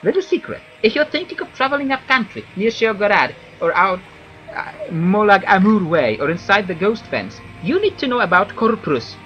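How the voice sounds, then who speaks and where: A man's voice: high voice, sing-song, moderate pace, a bit bright, dull audio, soft background music, voice pushed up. A man voicing a chatty, nervous wood elf commoner from a video game in a perky, gossipy christmas elf manner. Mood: warning, gossipy. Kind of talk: video game character read aloud.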